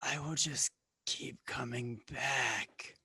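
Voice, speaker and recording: Gm doing a wheezy undead maze guy, raspy breathy whisper, super slow. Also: mid-range voice, sharp tone, exaggerated voice. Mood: eerie. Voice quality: rasping, wheezing voice. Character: undead male keeper of a maze, eerie and patient. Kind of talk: voicing a creature in a tabletop game.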